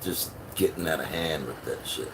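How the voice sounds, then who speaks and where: A man's voice: rumbling low, moderate pace. A man chatting casually on a livestream, rambling along and swearing freely. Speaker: live streamer. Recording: clearly noisy livestream audio.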